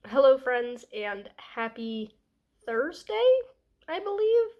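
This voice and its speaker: Young woman vlogger w a blocked stuffy nose, kinda high voice, congested n nasal, just rambling casually. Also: very animated, takes it slowly, muffled recording. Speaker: book vlogger. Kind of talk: casual rambling vlog chat.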